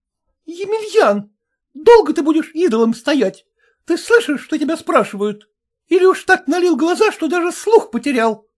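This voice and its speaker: A woman voicing a quarrelsome, bossy woman who scolds loudly and indignantly. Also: sits high, very animated, normal speed, voice pushed up. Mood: indignant scolding.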